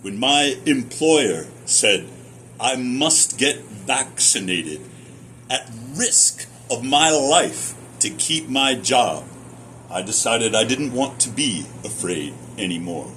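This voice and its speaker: A middle-aged American man giving a personal testimonial in a deliberate, emphatic storytelling manner with short repeated phrases. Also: mid-range voice, expressive, bright, forceful tone, slight background noise. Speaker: speaker sharing personal experience, former academic researcher.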